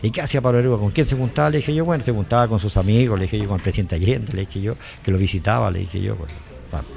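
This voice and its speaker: A man's voice: lowish voice, very fast, creaky, darkish tone, a little hiss or hum. An older man with a Chilean accent giving a rambling personal testimony, often repeating himself and quoting what others said. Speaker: interviewee, former driver.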